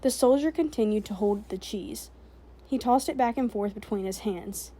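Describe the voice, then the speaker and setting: Mellow woman reading a novel aloud. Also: mid-range voice. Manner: steady, measured storytelling. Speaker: narrator.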